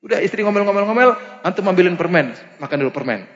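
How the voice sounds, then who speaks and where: A man preaching, lively and humorous, often asking the audience questions. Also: high-pitched, racing. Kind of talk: Islamic lecture. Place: mosque lecture hall. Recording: muffled lecture recording in a reverberant hall.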